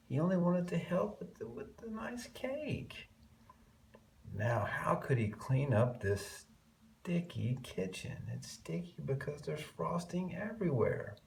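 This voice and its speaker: Reading a picture book to small children, this man sounds a little high and creaky, with slight background noise. He leans into key words, lengthening them, and adds chatty asides under his breath.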